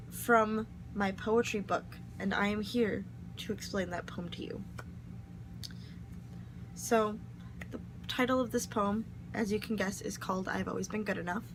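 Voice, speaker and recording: A woman's voice: mid-range voice, background noise. A young woman, host of her own channel, reading her poetry aloud and then explaining it in casual, reflective chat from her bedroom. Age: young adult. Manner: earnest, reflective.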